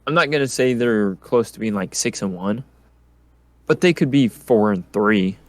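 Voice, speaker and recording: A man's voice: fairly low pitch, animated, moderate pace, no echo. A man hosting a casual sports predictions chat in an easygoing, laid-back way. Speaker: podcast host.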